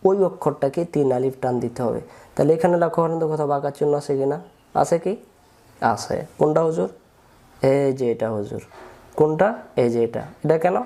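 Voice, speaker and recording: A man's voice: fairly high pitch, warm tone. A man teaching Quran reading, patiently spelling out letters and drawing out long vowels, repeating each step. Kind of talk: slow step-by-step recitation lesson.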